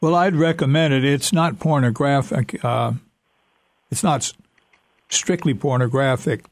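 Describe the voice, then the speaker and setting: A man as a talk-show guest, explaining in a measured, slightly halting way. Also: medium pitch, no room sound.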